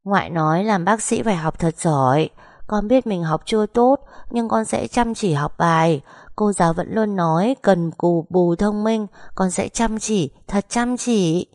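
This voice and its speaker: A woman's voice: mid-range voice, a little slow, darkish tone, no room sound, studio quality, voice pushed up, natural voice. Woman doing a tearful small boy. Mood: earnest. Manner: pleading, tearful childlike voice. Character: small boy comforting his sick mother.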